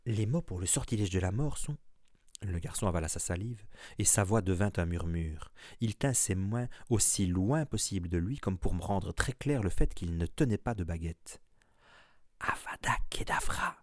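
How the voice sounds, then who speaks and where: A man narrating a fantasy story in a steady, measured reading. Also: on the low side, no echo, clean studio sound. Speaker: audiobook reader.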